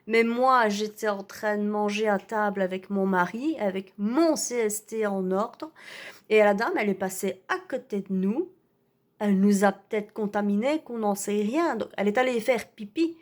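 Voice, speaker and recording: A woman's voice: mid-range voice, normal speed, close to an everyday voice. A woman playing an indignant, self-righteous vaccinated woman in an ironic rant, full of hesitations and tag words. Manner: hesitant, full of "euh" and "hein". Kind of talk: ironic satirical rant to camera.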